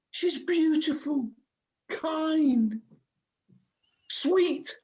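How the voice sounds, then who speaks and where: A woman playing a nasty old landlord gone soft, speaking in a gruff put-on low voice on a video call. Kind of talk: comic pantomime acting. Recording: slightly dull video call audio.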